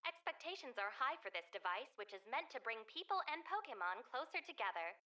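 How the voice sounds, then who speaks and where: A woman's voice: on the high side, very animated, a little fast, bright, forceful tone. A woman playing a polished, upbeat TV news reporter in a video game.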